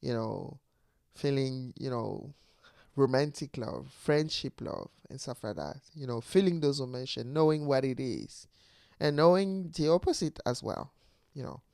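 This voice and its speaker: A man with a foreign accent talks through his ideas in a loose, reflective monologue and laughs often as he goes. His voice is smooth and resonant, and the recording is close and dry, with no room sound around it. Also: medium pitch, measured pace, a little mellow, no room sound. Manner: laughs often while talking; speaks with a non-native accent. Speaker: podcast host.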